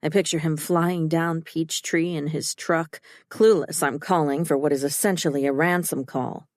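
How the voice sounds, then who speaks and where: A woman's voice: low voice, fairly even intonation, normal speed, darkish tone, no room sound, clean studio sound. A woman narrating a first-person thriller audiobook in a tense, urgent and emotional way.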